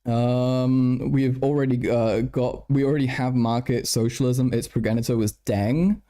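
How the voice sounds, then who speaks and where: A man's voice: mid-range voice, fairly even intonation, unhurried, mellow. A tired man chatting casually on a late-night livestream, stuttering, repeating words and swearing as he answers his chat. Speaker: live streamer.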